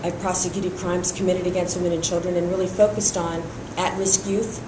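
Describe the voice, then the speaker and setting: The middle-aged candidate for district attorney, born in Iran and raised in San Francisco, answers steadily in an endorsement interview, leaning on frequent fillers. She speaks fairly quickly with a lowish, flat delivery. Reverb and a noisy background color the recording.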